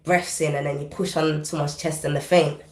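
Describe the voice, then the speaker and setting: In an echoey room, a British recording artist appearing as a podcast guest recounts a personal story. Her low-pitched voice keeps fairly even intonation and moves fairly quickly. The delivery is vivid, intense and casual, with casual dialect grammar.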